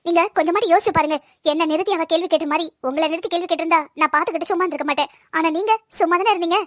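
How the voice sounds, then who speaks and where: Woman voicing a young working wife, cartoon; very high, quick, reproachful. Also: no echo, clean studio sound. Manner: pointed, reproachful. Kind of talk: cartoon voice acting.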